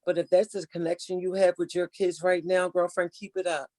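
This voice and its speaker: An older woman in casual conversation, giving earnest, motherly advice and slowing down to stress her points. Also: on the low side, level tone, mellow, no room sound. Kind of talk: casual chat.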